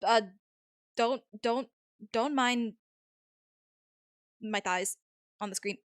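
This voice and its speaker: A woman with a high voice hosts a livestream in casual, chatty style. She talks informally to viewers, with a dry sound free of room echo. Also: drawn-out words. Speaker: livestream host.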